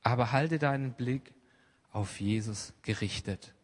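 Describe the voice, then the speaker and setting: A man preaching a sermon in a church hall, swinging between hushed asides and loud, emphatic outbursts. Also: mid-range voice, measured pace, husky. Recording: long hall reverb.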